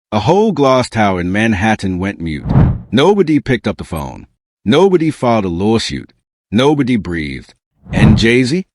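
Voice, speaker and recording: Smug, sarcastic man, swinging pitch, exposé narrator. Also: no room sound, studio quality. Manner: smug, sarcastic, dramatic, slangy. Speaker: host of a celebrity gossip video channel.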